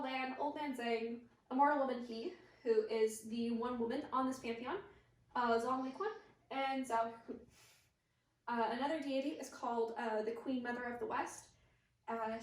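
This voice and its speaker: Chatty Midwestern woman in an echoey room. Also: fairly high pitch. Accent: Midwestern American. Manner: chatty and hesitant, many fillers and self-deprecating asides. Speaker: student presenter. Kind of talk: casual class presentation. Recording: echoey room, mic far off.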